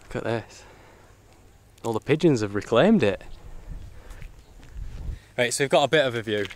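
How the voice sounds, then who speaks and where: A man's voice: medium pitch, lively intonation, normal speed. A man chatting casually to camera as a travel vlogger, colloquial and matey, with mild swearing. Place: outdoors on rural roads and temple grounds. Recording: outdoor ambient and motorbike noise.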